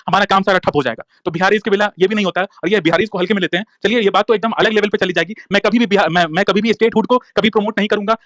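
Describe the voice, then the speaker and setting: High-voiced man in a rapid-fire heated rant. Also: fairly bright tone, no room sound. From Bihar, India. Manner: heated, profane, repetitive, defiant. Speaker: online activist speaking in a live audio room. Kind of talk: angry ranting monologue.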